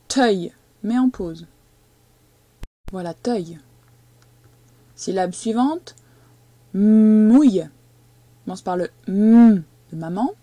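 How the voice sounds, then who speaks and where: A woman teaching a young child to read, speaking slowly and patiently and stressing each syllable as she dictates. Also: a little high, mellow, no echo. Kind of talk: reading and spelling lesson for a young child.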